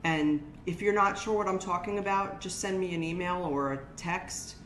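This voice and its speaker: A woman's voice: fairly low pitch, moderate pace, a bit bright, slight background noise. Chatty older woman teaching a craft. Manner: chatty, practical, talks to viewers as "guys". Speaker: shop owner teaching a craft workshop. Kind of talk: casual how-to demonstration. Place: indoor shop workspace with brick wall. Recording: roomy, faint music behind.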